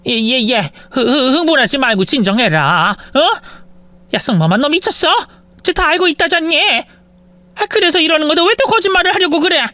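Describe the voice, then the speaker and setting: A woman's voice: high voice, lively intonation, normal speed, bright, forceful tone, no room sound, pitched above the performer's own voice. A narrator voicing a frantic older mother-in-law who pleads and wheedles in a spoken-story drama.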